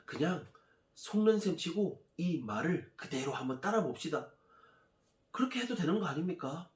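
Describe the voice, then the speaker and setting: A man's voice: very animated, moderate pace, reverberant. A man playing coaxing loyal soldiers. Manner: coaxing, raised pitch. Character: pleading loyal soldiers, men.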